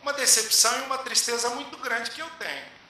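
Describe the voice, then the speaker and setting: Man as a grieving man, sorrowful, insistent, quick bursts, high voice, roomy echo. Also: pushed and bright, exaggerated voice. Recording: echoey hall with faint hiss.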